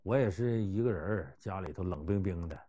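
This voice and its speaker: A man voicing a sly female coworker with a low, mournful, wheedling delivery. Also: big pitch swings, fairly quick, a little mellow.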